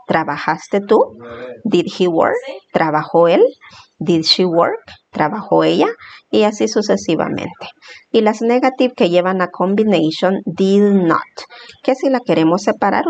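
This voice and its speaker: A woman's voice: fairly low pitch, vocal fry, a little mellow. A woman teacher who explains a lesson patiently and step by step, repeating examples as she goes. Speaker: English teacher.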